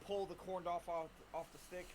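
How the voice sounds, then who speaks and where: A man's voice: high voice, fairly even intonation, moderate pace, a crowd in the background. A man playing a tabletop game, playful and laughing with the table. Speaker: player. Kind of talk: tabletop role-play banter. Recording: noisy background.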